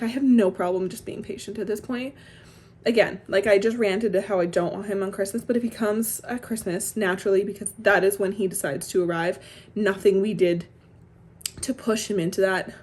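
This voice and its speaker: A woman's voice: medium pitch, a little mellow, slightly rough. A young pregnant woman talking casually to camera in a vlog, rambling with lots of fillers and little laughs. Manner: rambling, frequent "like" fillers, laughs between phrases. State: heavily pregnant. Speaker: vlogger.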